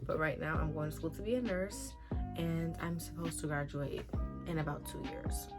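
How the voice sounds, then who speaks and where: A woman's voice: deep voice, normal speed, over loud music. A woman, talking casually as a podcast host introducing herself. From Queens, New York. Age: early 20s.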